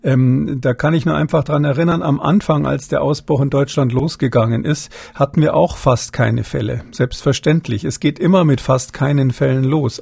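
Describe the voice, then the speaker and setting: A man speaks as an interview guest, hesitant and full of fillers and restarts. His voice is gravelly, dark and a little husky. The sound is dry and close. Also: mid-range voice, no echo. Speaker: expert guest. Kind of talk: interview answers.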